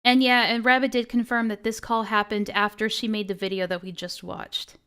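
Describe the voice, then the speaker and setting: A woman's voice: medium pitch, flat delivery, brisk, a bit bright, clean tone. A woman with a youthful, girlish voice hosting a casual livestream, chatting and swearing freely with friends. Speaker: livestream host.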